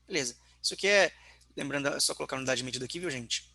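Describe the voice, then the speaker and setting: A man's voice: mid-range voice, very fast, vocal fry, pushed and bright, no room sound. A man teaching an online physics class, working through calculations step by step and often checking in with his students.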